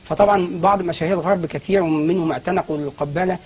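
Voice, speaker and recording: A man's voice: sits high, rapid-fire, a little mellow, husky. A man as a guest scholar in a studio TV interview, explaining at length with frequent restarts and fillers.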